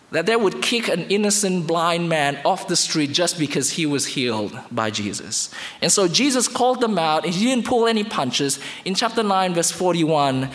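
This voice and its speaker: An Indonesian man preaches a sermon in English, his second language, swinging between emphatic peaks and hushed lows. The recording carries the reverb of a large hall.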